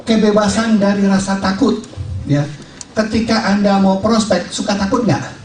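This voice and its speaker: A man's voice: high-pitched, fairly even intonation, moderate pace, a little mellow, a little hiss or hum. A man giving a jokey motivational training talk to salespeople, asking the audience questions and acting out little scenes. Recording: echoey room, voice from far off.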